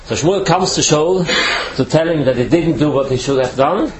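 In deliberate, faltering English, a non-native speaker from Switzerland lectures on the Torah as a rabbi. He has a somewhat high voice, with background noise behind him.

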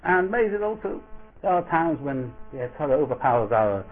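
Thin phone-like audio, man, Yiddish accent, rabbi's religious lecture, fairly high pitch, animated storytelling. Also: brisk, a little hiss or hum. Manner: animated storytelling, repeats phrases and asks rhetorical questions. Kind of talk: informal Torah lecture with acted-out dialogue.

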